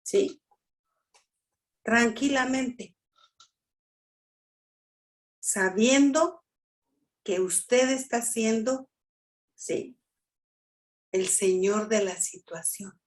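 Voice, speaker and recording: Slow, emphatic woman preaching. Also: on the high side. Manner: slow, emphatic, with repeated "¿sí?" checks and acted-out quotes. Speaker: family workshop teacher. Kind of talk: preaching talk.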